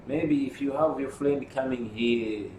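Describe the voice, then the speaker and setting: A man from Malawi, a union secretary general, explaining things carefully in an interview, with frequent pauses. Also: medium pitch, mellow. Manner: measured, explanatory, with hesitations. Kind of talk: interview answers. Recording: roomy, distant mic with noise.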